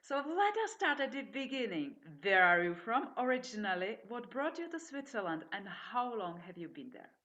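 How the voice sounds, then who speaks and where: A woman's voice: on the high side, very animated, normal speed, few pauses, pushed and bright, muffled recording. A woman hosting an interview, introducing her guest and asking inviting questions. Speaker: interview host. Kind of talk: hosted interview.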